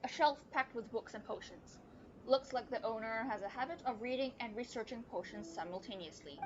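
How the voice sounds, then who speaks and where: Over game music and a noisy background, a young woman with a fairly high voice chats quickly and playfully while live-streaming, adding wry asides and occasionally reading the game's text out loud, all through a dull lo-fi mic.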